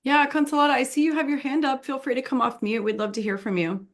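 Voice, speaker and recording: A woman's voice: high voice, steady tone, fast. Friendly woman moderator on a call. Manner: friendly, inviting speakers in. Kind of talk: moderating an online roundtable. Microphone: video call.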